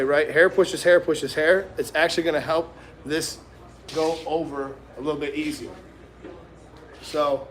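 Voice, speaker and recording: Casual man with a higher-pitched voice, tutorial talk. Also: reverberant, a little hiss or hum. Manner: informal, slangy, addresses viewers directly. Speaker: barber and livestream host giving a haircut tutorial.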